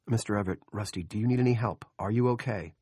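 A man doing a mild, calm drifter. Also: on the low side, fast, husky, no room sound, clean studio sound.

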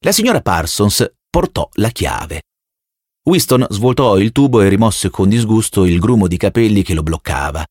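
A man narrates a novel in a low voice with measured, expressive storytelling. His pitch moves in a lively way, and the recording sounds close and dry with no room echo. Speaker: audiobook narrator. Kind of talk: scripted narration.

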